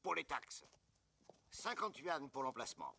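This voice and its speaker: An actor playing an officious, greedy tax clerk with a pompous manner in a French film dub, on a noisy soundtrack. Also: male voice, mid-range voice, wildly swooping pitch, unhurried, creaky, bright, forceful tone, slightly rough, full character voice. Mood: haughty, demanding. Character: officious, greedy male tax clerk throwing his authority around. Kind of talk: French-dubbed martial arts film dialogue.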